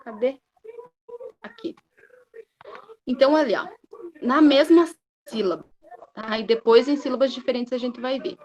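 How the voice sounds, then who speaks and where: A Brazilian woman teaching a recorded lesson in a slightly high voice. She talks very slowly and stretches out each syllable. She keeps checking in with her students as she goes. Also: darkish tone, muffled recording. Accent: Brazilian Portuguese. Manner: slow, drawn-out syllables with frequent "né?" and "tá?" checks.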